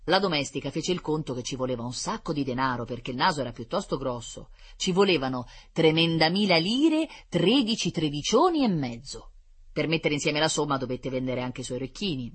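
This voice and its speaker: A storyteller reading a children's fable aloud in an expressive, lively manner. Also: mid-range voice, slightly rough.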